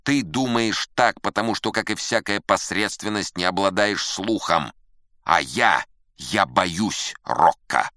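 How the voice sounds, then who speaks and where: A man voicing an angry, vain male kappa musician in a storybook reading. He shouts and boasts indignantly. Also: sits low, takes it slowly, no echo, clean studio sound, voice pushed up, exaggerated voice. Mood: proud.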